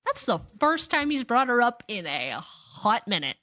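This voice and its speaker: A woman's voice: fairly high pitch, sing-song, measured pace, bright, forceful tone. A woman hosting a podcast, recapping an episode casually, laughing often and acting out scenes. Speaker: podcast host.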